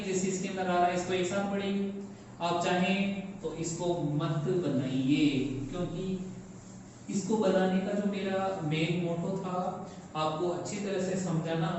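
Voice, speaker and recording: A man teaching a math lesson, slowly counting out place values over and over. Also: high-pitched, steady tone, darkish tone, slight background noise. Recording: echoey room from far off.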